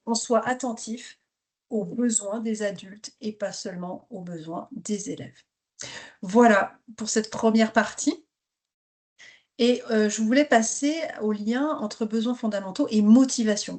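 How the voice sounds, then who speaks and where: A woman's voice: mid-range voice, a little mellow. A woman leading an interactive online workshop for teachers, encouraging participants to share, speaking over a video call. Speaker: teacher trainer leading a webinar.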